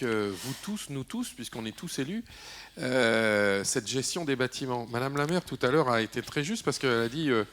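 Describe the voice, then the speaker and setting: A man's voice: mid-range voice, fairly bright tone. Hesitant man speaking on a panel. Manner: hesitant, many fillers and restarts, jokey asides. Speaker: panelist, elected official. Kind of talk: conference round-table talk. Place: conference hall.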